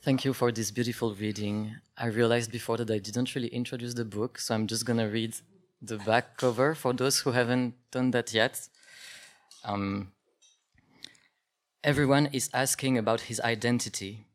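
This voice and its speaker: A man hosts a book talk in a mid-range voice, casual and conversational. He pauses often, fills gaps with fillers, and restarts his questions as he goes. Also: mid-range voice, fairly even intonation. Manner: hesitant, with many fillers and restarts.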